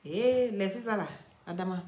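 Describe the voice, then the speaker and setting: A woman's voice: medium pitch, moderate pace, warm tone, echoey room. A woman hosting a live video, speaking straight to her followers in an emphatic, lecturing way. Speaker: social media live-stream host.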